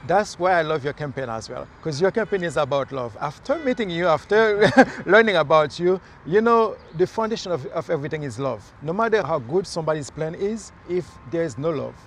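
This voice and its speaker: Outdoors in a city near traffic, a man from Haiti who is running for mayor gives an earnest, casual interview full of fillers and false starts. He talks fairly quickly with barely any pauses, in an expressive, fairly high voice. A little background noise is audible.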